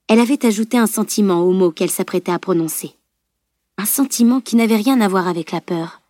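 A woman narrating an audiobook in an even, measured storytelling manner. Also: medium pitch, no room sound, studio quality.

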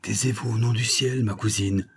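A scheming young viscount murmurs urgent reassurance in a hushed, dark voice. The tone is husky and low-key, sly beneath the calm. A man voices him as he reads an audiobook. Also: moderate pace.

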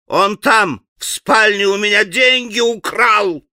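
A man's voice: normal speed, pushed and bright, no room sound, studio quality, exaggerated voice. A man reading an audiobook voices a frantic, greedy old father who shrieks and chokes on his words. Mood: shrieking. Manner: shrill, breathless shrieking.

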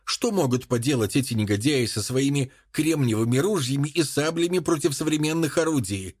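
A man voicing a brash, confident male dinner guest who speaks loudly and emphatically. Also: medium pitch, lively intonation, brisk, breathy edge, no room sound, clean studio sound, pitched above the performer's own voice. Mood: boastful. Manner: loud, emphatic.

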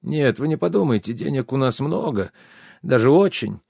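A man's voice: medium pitch, animated, moderate pace, vocal fry, darkish tone, slightly rough, no room sound, studio quality, pitched above the performer's own voice. A man voicing a jovial, sly, plump baron who talks effusively in an audiobook. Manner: effusive, exclamatory, fawning.

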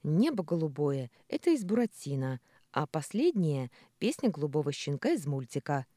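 A female narrator voicing a spirited, quick-tempered young woman who talks sharply and bossily. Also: low voice, very animated, no echo, clean studio sound. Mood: exasperated. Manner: sharp, exasperated, commanding. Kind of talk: audiobook character voice.

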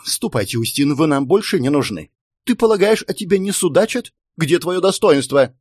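Мужчина изображает визгливую маленькую разгневанную жену. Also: male voice, on the high side, sing-song, moderate pace, dry recording, clean studio sound, voice pushed up. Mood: scolding shrill. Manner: scolding, shrieking. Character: furious shrill little middle-aged wife.

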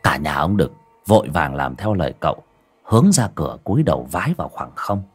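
A man narrating a horror story in a dramatic, expressive reading. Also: very deep voice, a little fast, husky, faint music behind.

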